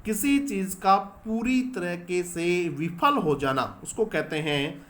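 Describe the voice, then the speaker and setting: A man's voice: sits high, animated, slow, a bit bright. A man teaching English grammar in a lesson. He explains step by step, asks questions and answers them himself, and spells words out letter by letter. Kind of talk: classroom-style grammar lesson.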